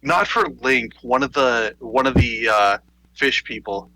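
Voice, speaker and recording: Bright-voiced man, wry and halting. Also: mid-range voice, a little hiss or hum, poor audio. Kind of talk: casual gaming chat.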